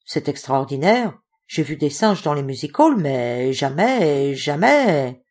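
A woman reading an audiobook plays a gentleman magistrate who exclaims shrilly in fright and amazement. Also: sits low, very animated, normal speed, husky, full character voice. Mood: amazed. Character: startled gentleman magistrate, excitable and fearful.

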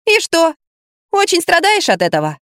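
Brief: a woman doing a bratty teen girl, high shrill voice full of swings, storybook reading. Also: wildly swooping pitch, normal speed, a bit bright, dry recording, studio quality, heavily acted. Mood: teasing. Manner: shrill and indignant. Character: bratty sharp-tongued teenage girl. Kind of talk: audiobook character voice.

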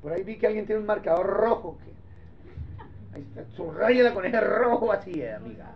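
A man pastor preaching a sermon in a lively, joking way, speaking directly to his congregation. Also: high-pitched, fairly quick, slight background noise. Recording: dull lo-fi recording.

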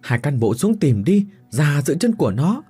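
A man's voice: on the high side, sing-song, moderate pace, mellow, breathy edge, faint music behind, full character voice. A man playing an old, grave village shaman. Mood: urgent. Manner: urgent, grave. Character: old male village shaman, protective and self-sacrificing.

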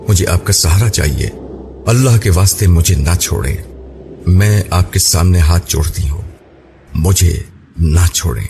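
A man voicing a devoted young bride, speaking in a soft, pleading way over a noisy recording. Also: sits low. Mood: tearful pleading. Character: young woman, tearful and devoted new bride. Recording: noisy background hiss.

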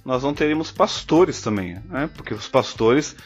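A man's voice: mid-range voice, animated, moderate pace, faint music behind. A man hosting a podcast in a casual theological discussion, affirming the others and laying out his argument step by step. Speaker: podcast host. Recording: slightly dull lo-fi audio.

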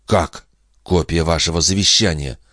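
A man reading a young, naive peasant lad in an audiobook, earnest and excitable, always polite and always hungry. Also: low voice, normal speed, dry recording, clean studio sound. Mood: earnest, puzzled.

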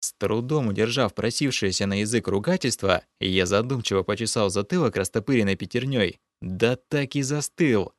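A man narrating an audiobook in the first person, with steady storytelling. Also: lowish voice, normal speed, few pauses, no echo.

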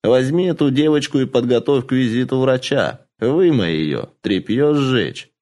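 A man's voice: mid-range voice, animated, unhurried, a little mellow, voice pushed up, lightly acted. A man voicing a harsh, scheming old woman who runs a house of courtesans, giving cold, clipped orders in an audiobook. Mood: commanding. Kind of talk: audiobook character voice.

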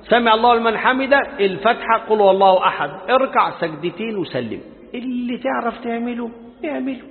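An Egyptian man teaches a religious lesson in lively colloquial speech, his high voice swinging widely as he jokes and calls on listeners to pay attention. The sound is thin and tinny, with a long hall reverb trailing each phrase. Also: quick pace. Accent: Egyptian Arabic. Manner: lively, joking and addressing listeners directly. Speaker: Islamic scholar teaching a lesson.

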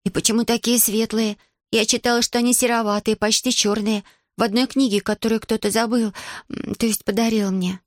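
Woman reading a curious village girl, light and a bit higher, full of questions. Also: flat delivery, a little fast, no room sound, clean studio sound, natural voice.

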